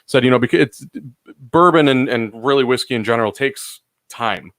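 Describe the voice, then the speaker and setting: A man hosting a live chat, speaking in a relaxed, halting way and trailing off mid-thought. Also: mid-range voice, no echo. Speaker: host. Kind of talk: casual interview chat.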